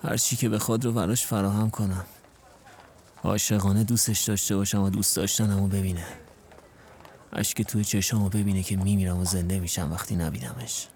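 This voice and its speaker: A man's voice: on the low side, fairly even intonation, darkish tone, slight background noise. A young man narrating his own story in an audio drama and speaking as its distraught, heartbroken lead. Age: young adult.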